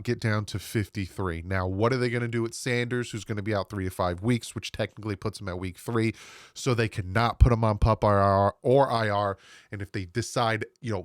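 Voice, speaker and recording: A sports channel host in his thirties talks solo from a room at home, his lowish voice thick and nasal from a head cold. His casual commentary is rambling and chatty, full of quick asides to viewers, and the sound is dry and close on a desk microphone.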